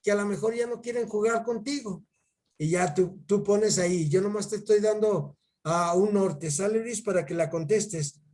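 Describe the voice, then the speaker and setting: High-voiced Mexican man teaching haltingly. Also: dark tone. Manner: halting, repeats words, keeps calling the pupil by name. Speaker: catechist teaching a child.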